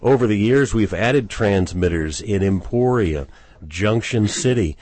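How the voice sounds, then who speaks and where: Animated low-voiced man urging listeners to give. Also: a little slow, no room sound. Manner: lively storytelling, upbeat appeals. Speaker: public radio pledge drive host. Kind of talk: casual pledge drive chat.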